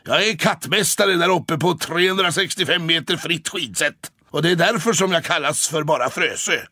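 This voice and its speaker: A man's voice: on the high side, sharp tone, no room sound, clean studio sound. A man voicing a cheerful young male cat who is a ski champion, chatty and upbeat. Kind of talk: audiobook character voice.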